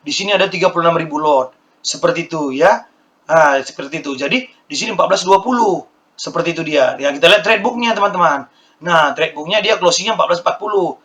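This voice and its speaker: A hoarse man walking viewers through stock charts in a casual lesson, repeating his points and calling his audience friends. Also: a little high, fast talker, fairly bright tone. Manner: repetitive, keeps addressing viewers as friends. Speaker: stock market educator. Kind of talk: screen-share stock chart walkthrough.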